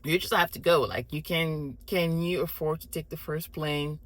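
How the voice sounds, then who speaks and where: This family relocation vlogger is a Moroccan-born woman of Congolese heritage in her thirties with a low voice and a moderate pace. She talks casually to camera about her family's choices, explaining them thoughtfully and methodically with frequent restarts and lists.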